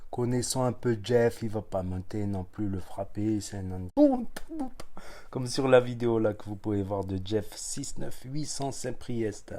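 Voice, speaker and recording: A man's voice: lowish voice, a little slow, warm tone. A man hosting a reaction video, talking into his phone in a rambling casual commentary with chuckling asides.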